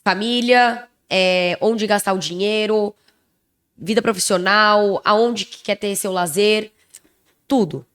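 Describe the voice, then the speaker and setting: A woman's voice: medium pitch, takes it slowly. Emphatic young Brazilian woman podcaster. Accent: Brazilian Portuguese. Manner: expressive, emphatic, self-described loud voice. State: a bit under the weather. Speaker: podcast co-host. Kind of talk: casual chat.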